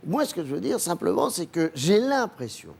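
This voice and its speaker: A male comedian chatting as a talk-show guest, lively and digressive, full of quick self-mocking asides. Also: high-pitched, vocal fry, breathy edge. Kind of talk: animated talk-show chat.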